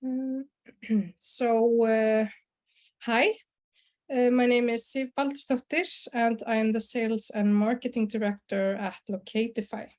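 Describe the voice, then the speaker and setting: A young woman from Iceland giving a conference presentation over a video call, relaxed, with many fillers and throat clearing. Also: on the high side, a little slow. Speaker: conference presenter, sales and marketing director. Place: small room indoors.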